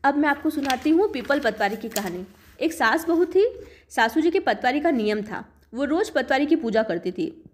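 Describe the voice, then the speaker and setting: High-voiced woman telling folk tales. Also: lively intonation, normal speed. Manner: plain, homely storytelling tone. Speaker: storyteller. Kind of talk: devotional folk tale narration.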